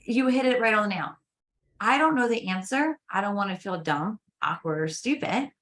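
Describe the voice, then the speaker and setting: Woman guest coach, middle pitch, emphatic and persuasive. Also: animated, normal speed, fairly bright tone. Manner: emphatic and coaching, with rhetorical questions. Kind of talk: casual interview chat.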